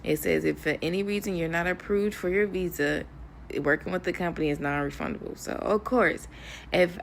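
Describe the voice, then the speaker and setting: Low-voiced stressed woman vlogging candidly. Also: brisk, creaky, slight background noise. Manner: candid, talks to viewers as "y'all", rambling with fillers. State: stressed, near tears. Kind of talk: emotional personal vlog.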